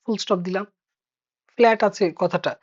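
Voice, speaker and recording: A woman's voice: mid-range voice, steady tone, a little fast. A woman teacher in an online class, explaining step by step and asking her students questions. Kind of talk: online Bengali grammar class. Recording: dull lo-fi online class audio.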